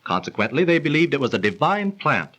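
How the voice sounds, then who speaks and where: In an old 1930s radio transcription, an actor plays a genial, learned young man explaining legends in a polished, theatrical style. His voice is a little high and fairly bright, moving quickly with big swings in pitch. It is classic period radio acting with a storytelling mood.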